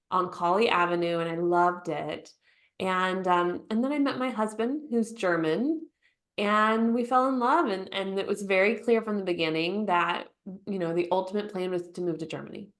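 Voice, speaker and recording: A woman, a therapist who is a podcast guest, telling her story in a lively way and playfully acting out remembered lines. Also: mid-range voice. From United States. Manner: lively storyteller who acts out quotes with laughter. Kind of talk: conversational storytelling interview.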